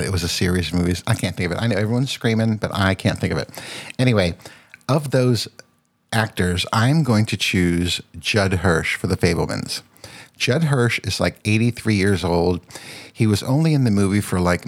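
A man hosting a casual solo podcast, rambling and searching for words with lots of ums. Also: low voice. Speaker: podcast host.

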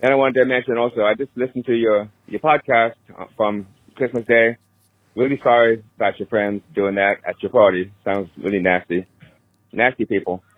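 Man, voicemail message, phone line, husky, dry, middle pitch. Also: fairly even intonation, normal speed, no echo. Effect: voicemail message over a phone line. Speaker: caller. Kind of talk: casual voicemail.

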